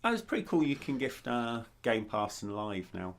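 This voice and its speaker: A man's voice: medium pitch, very animated, moderate pace. A man co-hosting a casual gaming podcast in an easygoing, agreeable way. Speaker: podcast co-host.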